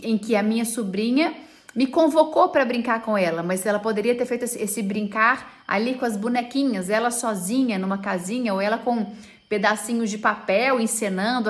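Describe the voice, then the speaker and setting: A woman educator talks informally about free play and tells a story to illustrate it. Her voice sits fairly high, and she sprinkles in diminutives while her pace slows and speeds up. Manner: warm storytelling with many diminutives, pace stretching and rushing. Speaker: child development educator. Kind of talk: informal teaching talk with a personal story.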